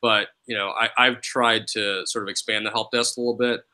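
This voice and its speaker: A man's voice: lowish voice, little pitch movement, fairly quick, pushed and bright, clean tone, poor audio. A man, a teacher who runs a student help desk, talking casually and loosely with many fillers. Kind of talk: casual discussion.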